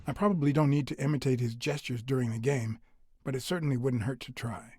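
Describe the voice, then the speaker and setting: Male actor as dry, husky hardboiled detective narrator, close and dry. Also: mid-range voice, fast talker, mellow, no echo, natural voice. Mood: wry. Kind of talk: video game voice acting.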